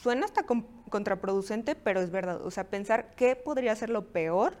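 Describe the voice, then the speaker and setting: A woman's voice: mid-range voice, expressive, normal speed, darkish tone. A woman, a guest entrepreneur in a podcast interview, speaking casually and filling her speech with "o sea". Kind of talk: conversational interview.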